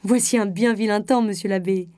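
A woman reading a story aloud, voicing a pompous, self-important male state official who talks loudly and eagerly. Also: medium pitch, fairly even intonation, a little fast, no room sound, studio quality, natural voice. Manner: boastful, bossy, loud and eager.

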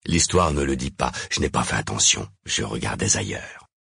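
A man reading a story aloud as narrator, slow and dramatic, with a husky voice, close to a dry microphone. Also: extremely low pitch, lively intonation, sharp tone, no echo.

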